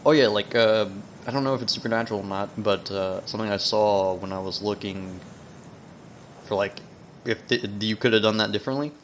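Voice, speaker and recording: Lowish-voiced man with whistling S's. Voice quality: whistling S sounds. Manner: rambling, halting, trails off mid-thought. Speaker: video game let's player. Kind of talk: casual gaming commentary. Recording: noticeable background noise, sensitive mic.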